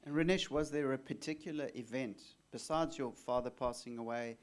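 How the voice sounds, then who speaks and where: An exorcist hosts an onstage interview, speaking briskly in a mid-range voice. He asks leading questions and backs his guest with frequent murmurs.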